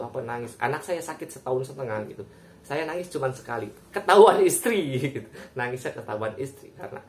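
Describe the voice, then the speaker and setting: A young man who streams live, talking casually and personally, mixing slang with polite speech and laughing often. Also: medium pitch.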